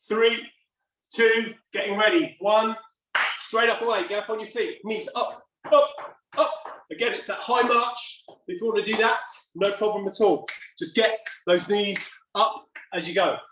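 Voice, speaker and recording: Working out as he talks, this energetic middle-aged fitness coach barks short, urgent commands and countdowns during live HIIT instruction in his home gym. His voice sits high, with a little hiss or hum in the audio. The camera recording him stands a few steps off, so the sound is distant and echoey.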